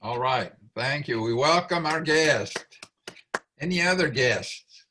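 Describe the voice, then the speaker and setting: A man chairing a club meeting over a video call, speaking deliberately with frequent fillers and restarts. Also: mid-range voice, lively intonation, sharp tone, a little hiss or hum. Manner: many fillers and restarts, slow deliberate delivery.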